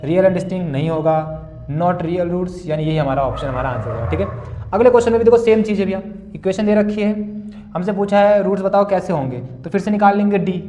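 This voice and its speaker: A man's voice: high-pitched, warm tone. A young male maths teacher solving board-exam problems, calling students "beta" and "bhaiya" and asking and answering his own questions. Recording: echoey room.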